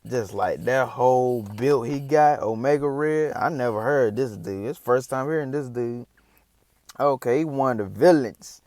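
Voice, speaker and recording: Male reaction host, casual slangy chat, average pitch, very dry recording. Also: a little slow, darkish tone, no room sound. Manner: slangy, loose, rambling.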